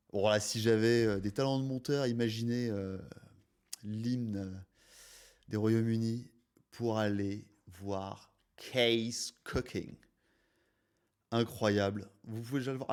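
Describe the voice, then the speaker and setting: A man's voice: fairly low pitch, darkish tone. A man hosting his channel, giving playful, mocking commentary on a cooking video. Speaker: video reaction host. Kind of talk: casual reaction commentary.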